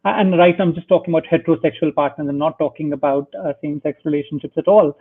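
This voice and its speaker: Over a tinny, phone-like line, a man from India joins a remote interview as a guest. His voice is fairly high and husky, and he talks fast and warmly, with frequent hesitations and fillers.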